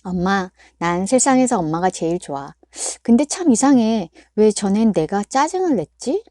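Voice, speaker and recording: A woman voicing a petulant grade-school boy who shouts and whines at his mother. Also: medium pitch, big pitch swings, moderate pace, dry recording, studio quality, natural voice. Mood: sweet.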